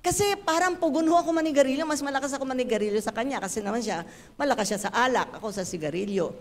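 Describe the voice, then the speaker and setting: A woman, giving a lively, playful church testimony. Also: high-pitched, fast talker, in a large hall. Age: 70s. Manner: animated, playful storytelling with acted dialogue. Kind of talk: sermon testimony.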